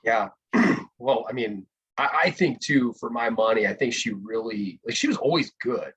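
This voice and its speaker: A man co-hosting a casual podcast chat over a video call, animated and laughing often. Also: medium pitch, normal speed, slightly rough, muffled recording. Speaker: podcast co-host.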